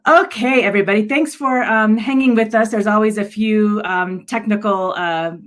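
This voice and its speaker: Speaking at medium pitch and a normal speed, a woman presents slides to a video-call audience in her role as an adult education director. Her manner is earnest but hesitant.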